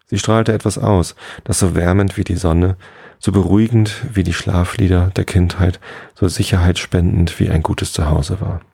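A man hosting a bedtime podcast, reading a fairy tale aloud in a slow, soothing way. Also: sits low, fairly even intonation, gravelly, dark tone, slightly rough, no room sound, clean studio sound. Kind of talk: calm bedtime story reading.

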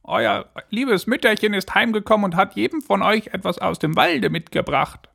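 A man's voice: high voice, lively intonation, moderate pace, vocal fry, sharp tone, husky, voice pushed up, full character voice. Storybook villain wolf, crafty and menacing, raised coaxing voice, played by a man. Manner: coaxing, put-on sweet voice. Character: sly wicked male wolf in disguise.

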